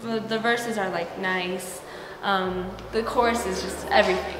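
A woman, a singer, chatting casually in an interview about her group, recorded indoors in a bright office. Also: mid-range voice, steady tone, unhurried, crowd noise. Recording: echoey room with music behind.

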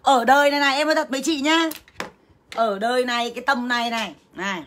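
A fast-talking woman with a high, slightly bright voice rants angrily on a livestream, with slight background noise. She speaks straight to her viewers as sisters, swearing and scolding crudely and combatively.

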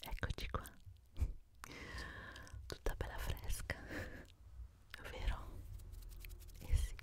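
An ASMR performer plays a gentle, attentive female beautician pampering a client, speaking in a slow, breathy, unvoiced whisper that stays close to an everyday voice. She is soothing and reassuring, using fond diminutives. She records indoors at a desk, very close to a desktop condenser microphone with a foam cover.

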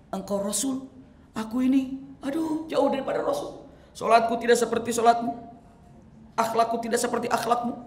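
A man preacher voicing a weeping, yearning devout man of old, crying out high and loud in an echoey hall. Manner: cries out high and loud in longing. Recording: echoey hall, faint noise.

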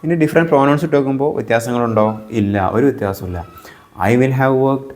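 This is a man with a Malayali accent teaching English grammar. His pitch is mid-range and even, and he talks in a calm, methodical way. He pauses to say each example sentence slowly and with care. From Kerala. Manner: patient, repeats each example slowly and steadily.

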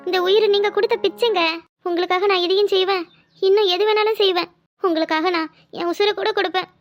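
A woman's voice: very high-pitched, steady tone, quick pace, soft background music. Woman voicing a devoted young cartoon heroine. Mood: earnest. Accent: Kanyakumari Tamil. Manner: earnest, brushing off worry.

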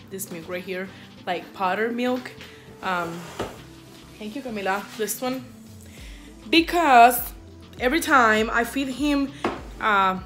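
Her voice sits at a medium pitch with a slightly bright quality. This thirtysomething mother of three talks casually to a phone camera at arm's length, filling her family vlog with rambling and fillers, first from the kitchen at home and later from inside a parked car.

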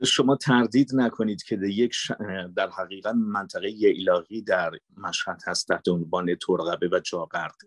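A man's voice: low-pitched, fairly even intonation, hardly any pauses, no echo. Earnest Mashhadi-accented man, dry sound. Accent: Mashhadi Persian. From Mashhad, Iran. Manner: earnest, emphatic, repeats for stress. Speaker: voice actor and dubber. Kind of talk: interview answers.

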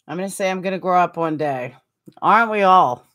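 A woman's voice: fairly low pitch, expressive, a little fast, fairly bright tone. A woman in her forties hosting a casual livestream, chatting and reading viewer comments aloud in a self-mocking way, laughing often, recorded on a desktop webcam in a small room. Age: 40s. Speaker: livestream host. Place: small indoor room with curtains behind.

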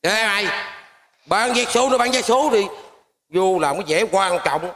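A man's voice: sits high, animated, measured pace, fairly bright tone. A man, playing a brusque drinker in a comedy sketch.

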